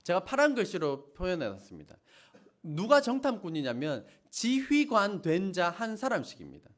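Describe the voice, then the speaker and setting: Middle-aged male pastor, high expressive voice, preaching with theatrical outbursts. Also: moderate pace. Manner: dramatic, acts out wailing crowds in loud outbursts. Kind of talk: sermon.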